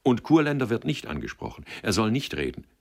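A man voicing a firm, sharp-tongued actress who gives brisk commands. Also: low-pitched, big pitch swings, vocal fry, husky, heavily acted. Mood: commanding.

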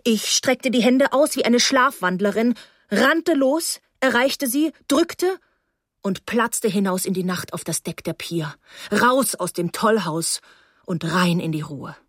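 A woman reading a novel aloud in the first person with an expressive, dramatic delivery. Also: medium pitch, measured pace, no echo, clean studio sound. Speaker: audiobook reader. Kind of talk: expressive audiobook narration.

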